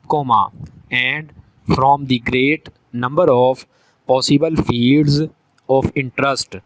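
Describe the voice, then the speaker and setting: Slow, measured male dictation voice. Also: mid-range voice, no echo, poor audio. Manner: dictating in short measured phrases, speaking punctuation aloud. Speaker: shorthand dictation instructor. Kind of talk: dictating a text for shorthand practice.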